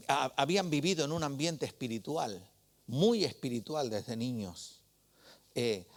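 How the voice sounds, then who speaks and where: A male preacher gives a sermon in a relaxed, storytelling tone, speaking to the congregation like a friend and regularly checking in with short questions. His voice sits at an ordinary middle pitch for a man.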